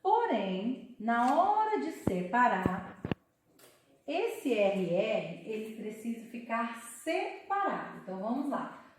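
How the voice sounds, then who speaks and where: A woman teaching a Portuguese lesson for children, sounding out words slowly syllable by syllable. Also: a little high, very animated, very echoey, far from the mic, background noise. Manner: slow, syllable-by-syllable explaining.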